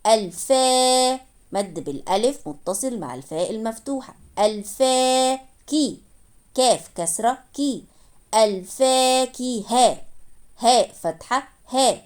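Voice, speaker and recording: A woman gives a slow, syllable-by-syllable spelling and reading lesson, sounding out each word slowly and then naming each vowel mark. Her mid-range voice is animated.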